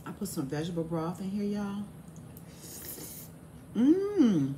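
A woman hosting an eating show, talking while chewing and calling her viewers y'all in a slow, savoring way. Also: medium pitch, wildly swooping pitch, mellow, slight background noise. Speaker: mukbang host. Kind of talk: casual eating-show chat.

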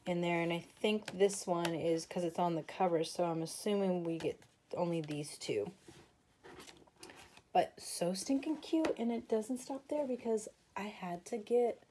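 A woman's voice: lowish voice, mellow, a little hiss or hum. A woman showing off her craft supply haul in a casual video, gushing over each item and saying she is tired. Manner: gushing, breathless exclamations. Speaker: craft vlogger.

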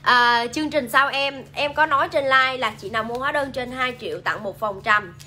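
A woman's voice: high voice, normal speed, bright, forceful tone, a little hiss or hum. A woman with a Southern Vietnamese accent, hosting a chatty live sales stream, reading viewer comments aloud and pushing products. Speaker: livestream seller. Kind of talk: casual live sales pitch.

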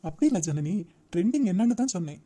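A woman voicing a mild, gentle young man in a cartoon, speaking softly and placatingly. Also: on the low side, sing-song, quick pace. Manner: soft, placating.

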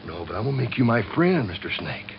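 A man's voice: medium pitch, very animated, fast talker. A man voicing a naive, kindly rabbit who talks earnestly and stammers, from a dull old TV broadcast. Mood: pleading. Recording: dull lo-fi 1991 TV broadcast with faint hum.

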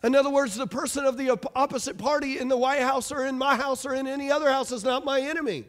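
A man, preaching a lively call-and-response sermon from a church stage. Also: extremely high pitch, quick pace. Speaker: pastor. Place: church stage, large room.

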